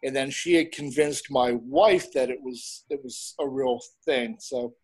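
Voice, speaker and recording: A middle-aged man chatting casually as an interview guest, rambling a little and pausing as he goes. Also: medium pitch, darkish tone, slightly rough. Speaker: interview guest, horror host and film reviewer.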